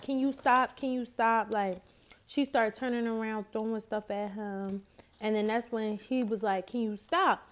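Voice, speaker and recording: A woman's voice: on the high side, a little mellow. A woman casually telling a story in slangy speech while eating, her mouth sometimes full. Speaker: vlogger.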